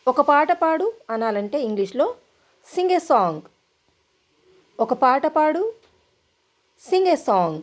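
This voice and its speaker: Woman English tutor, unhurried drill-style delivery, fairly high and very expressive. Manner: repeats each phrase slowly, in Telugu then English. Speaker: English teacher. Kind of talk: spoken English lesson.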